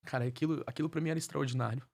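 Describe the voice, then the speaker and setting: A man's voice: medium pitch, fairly even intonation, rapid-fire, gravelly, darkish tone. A man, a guest minister, tells his life story as a testimony in a fervent preaching cadence and repeats phrases for emphasis.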